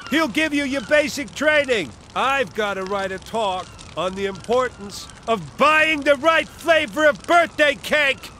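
Brief: cartoon fire chief, very high bright voice, bossy and blustery, faint hiss. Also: male voice, lively intonation, unhurried, hardly any pauses, exaggerated voice. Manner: blustery, commanding. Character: bossy cake-loving male fire chief. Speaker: fire chief training a recruit.

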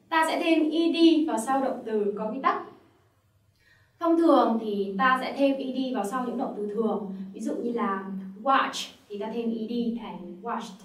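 A woman's voice: sits high, distant mic. Vietnamese-accented woman teaching grammar, roomy sound. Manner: patient, step-by-step explaining with repeated examples. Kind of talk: classroom-style grammar lesson.

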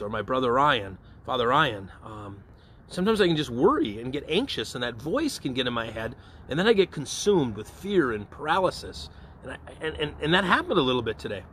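A man's voice: medium pitch, big pitch swings, fairly quick, sharp tone, a little hiss or hum. A man, a parish priest, giving an informal evening prayer reflection in a conversational way, often checking in with his listeners. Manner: conversational, often checks in with "okay?" and "all right?".

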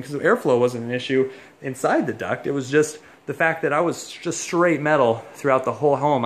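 A man's voice: medium pitch, fairly bright tone. A man who installs heating and cooling, giving a casual hands-on walkthrough indoors in a home, explaining as he goes with plenty of fillers.

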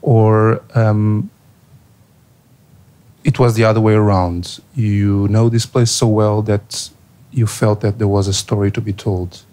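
Slow, polite Portuguese-accented man. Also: lowish voice, steady tone, warm tone. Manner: polite, hesitant, many fillers. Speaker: audience member asking a question. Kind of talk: audience question at a Q&A.

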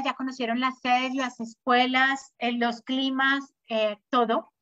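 In a webinar, a school sales manager whose first language is Spanish presents study abroad programs in an upbeat, informative sales talk. Her voice is a little high with a fairly bright tone, and the audio is dull, with no echo.

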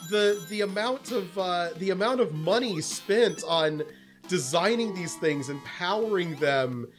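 A man's voice: sits high, expressive, a little slow, faint music behind. A man doing a fawning male sidekick, sycophantic, hesitant, game comic figure. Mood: puzzled. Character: fawning male assistant to a villain, obsessive.

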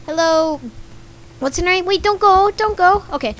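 At a moderate pace and an extremely high pitch, a young gaming YouTuber with a slightly scratchy voice giggles and chats over gameplay. She reads the game's chat aloud and reacts to it as casual commentary.

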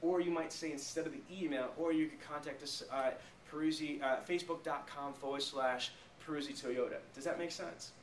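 Fairly high-pitched and steady, this man talks fairly quickly with few pauses. In his thirties, he's running an emphatic sales training session for a small group, regularly stopping to ask rhetorical check questions. A camera mic a few metres away in a small meeting room with a flip chart captures an echoey, distant sound with faint noise.

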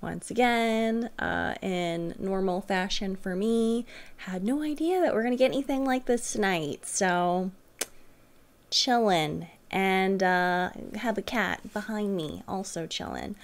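Speaking slowly in a mid-range voice, a young woman hosts a reaction video from a small furnished room in her home. She chats to viewers in a loose, meandering way.

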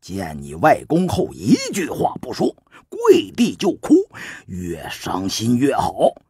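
A man voicing a shrewd, calm male strategist who talks low and softly coaxes. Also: slow pace, husky, dry recording, studio quality, exaggerated voice. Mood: coaxing. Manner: low, soft, patiently coaxing.

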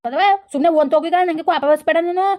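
Woman doing a young village guy, fast and high, pleading and arguing back. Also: darkish tone, close to an everyday voice. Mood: defensive. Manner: pleading, defensive back-talk. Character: sheepish young village man with stray cow. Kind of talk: village comedy skit.

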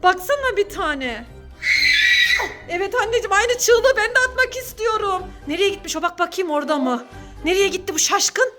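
A woman's voice: very high voice, quick pace, fairly bright tone, raised voice, soft background music. A woman acting as a mother in a staged family skit at home, gasping and scolding as she talks to her child. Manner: exclamatory and scolding, with gasps.

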